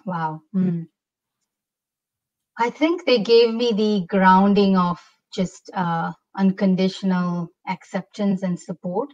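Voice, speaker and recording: A woman's voice: mid-range voice, takes it slowly. A middle-aged woman from India, a health coach, explaining ideas expressively as a guest on a video-call interview from her home. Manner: expressive, gestures while explaining. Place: home room. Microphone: laptop mic on a video call. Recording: dull lo-fi video-call audio.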